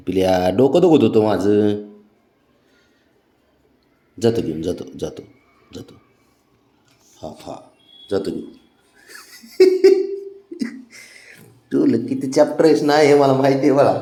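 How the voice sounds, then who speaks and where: Man, mid pitch, sweet-talking a pet in a slow unhurried way, roomy echo at home. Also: lively intonation, dark tone. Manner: coaxing, teasing baby talk to a pet. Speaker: pet owner vlogger. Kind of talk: casual talk to a pet cat.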